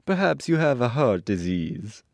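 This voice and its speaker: Storybook tin man performed by a man: solemn, earnest, lifted in pitch, dry sound. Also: sing-song, a little slow, gravelly, darkish tone, no echo. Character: solemn male tin woodman longing for a heart.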